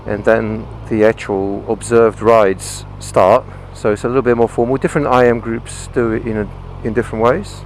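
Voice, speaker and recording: A man's voice: on the low side, fairly even intonation, normal speed, hardly any pauses. British man talking inside a motorcycle helmet. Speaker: motorcycle vlogger. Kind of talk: casual explanatory vlog talk while riding. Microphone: microphone inside the helmet. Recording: clear engine, wind and traffic noise.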